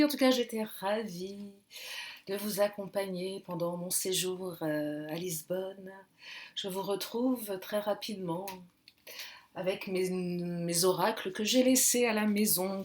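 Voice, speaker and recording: A woman doing casual card and pendulum readings. She talks in a jokey, rambling way and often laughs at her own asides. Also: medium pitch. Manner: loose and rambling, with many fillers. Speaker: intuitive card and pendulum reader. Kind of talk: casual chatty guidance video.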